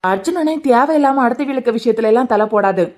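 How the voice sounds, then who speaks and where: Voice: mid-range voice, expressive, fast, a little mellow, lightly acted. A performer voicing a thoughtful younger brother in a cartoon series, speaking hesitantly with a Kanyakumari Tamil accent. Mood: doubtful.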